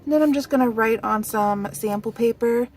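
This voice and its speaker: A woman's voice: fairly high pitch, normal speed, darkish tone, a little hiss or hum. A woman chatting casually and a little winded as she shows off new stationery in a friendly vlog. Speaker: stationery vlogger. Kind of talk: casual show-and-tell chat. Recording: voice a bit distant from the mic.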